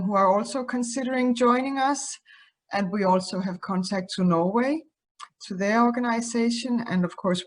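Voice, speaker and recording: A woman from Denmark speaks English as a second language while presenting her association to a conference. Her pitch is mid-range and her delivery is hesitant, with frequent ums. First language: Danish. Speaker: association president.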